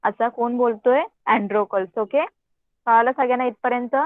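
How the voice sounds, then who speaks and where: Teacher with a thin phone-line sound. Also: female voice, on the high side, steady tone, no room sound. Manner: reads English text slowly, then explains it at length; keeps checking whether the class has understood. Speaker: English teacher. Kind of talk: online class lesson. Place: home, online class. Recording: tinny phone-like online call audio.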